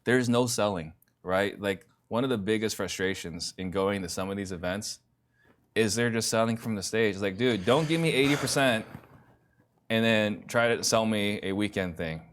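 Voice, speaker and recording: A man as a podcast guest, telling his story in a relaxed chat and acting out the quotes. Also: lowish voice, normal speed. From born in Italy, raised in Arizona. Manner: animated storytelling with acted quotes. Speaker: interview guest. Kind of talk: casual conversation.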